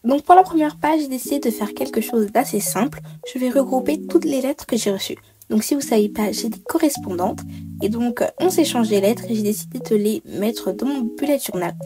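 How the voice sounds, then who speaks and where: A woman's voice: a little high, lively intonation, a little fast. Chatty woman narrating a craft tutorial. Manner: chatty, explains step by step with many hesitations. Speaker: bullet journal creator.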